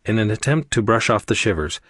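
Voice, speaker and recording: A man reading an audiobook as narrator, telling the story in an even voice. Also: on the low side, a little fast, husky, no room sound, clean studio sound. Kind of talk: scripted narration.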